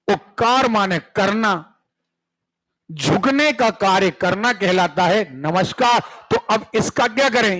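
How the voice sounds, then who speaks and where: A man's voice: sits high, a bit bright, rough recording. A man teaching a Hindi grammar class, explaining word by word and often checking whether the students follow. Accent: central Indian Hindi. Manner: keeps checking the class with "clear hai?" and "sun rahe ho?". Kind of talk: classroom lecture.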